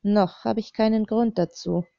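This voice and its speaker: A woman's voice: mid-range voice, fairly even intonation, moderate pace, creaky, warm tone, no echo, close to an everyday voice. A woman voicing a man who stalks and threatens a young woman, mocking and coaxing in turn, on a slightly dull recording.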